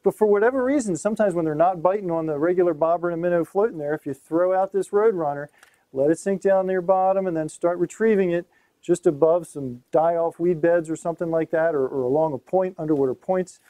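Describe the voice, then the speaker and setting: Host: middle-aged man, lively lure demo, mellow higher voice, dry sound. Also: a little fast, no echo. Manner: upbeat, emphatic repetition. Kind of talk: gear demonstration. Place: small tackle shop room, indoors.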